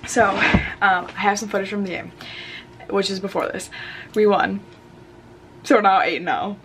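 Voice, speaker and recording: A woman's voice: medium pitch, fairly even intonation, moderate pace, fairly bright tone, soft background music, poor audio. A young adult woman chatting casually to camera as a college student vlogger. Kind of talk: casual vlog chat. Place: small bedroom, indoors.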